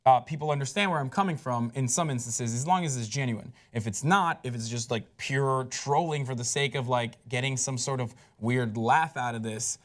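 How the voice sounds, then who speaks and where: A man co-hosting a pop culture show, chatting casually and sounding animated and incredulous, with lots of "like"s. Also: medium pitch, moderate pace, few pauses. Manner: animated, incredulous, rambling with many "like"s. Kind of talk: casual panel chat.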